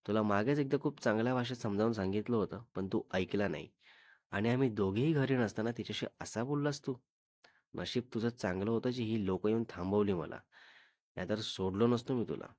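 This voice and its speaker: A man voicing a protective, angry young husband who lectures and threatens firmly in a low voice. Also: brisk, a little mellow, dry recording, close to an everyday voice. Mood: threatening.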